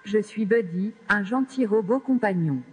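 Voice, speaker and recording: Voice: medium pitch, moderate pace, loud music behind the voice. A text-to-speech voice playing a friendly, helpful companion robot, giving polite, chirpy scripted replies during a live stage demo. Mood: cheerful. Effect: synthetic text-to-speech robot voice from a small speaker. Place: event stage in a large hall. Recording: long hall reverb, airy tone.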